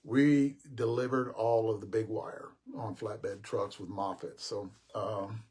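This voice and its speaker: A man's voice: lowish voice, steady tone, slow pace, darkish tone, husky. An older man hosting a casual live stream, telling a long rambling story with restarts and talking to his viewers as guys. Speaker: host.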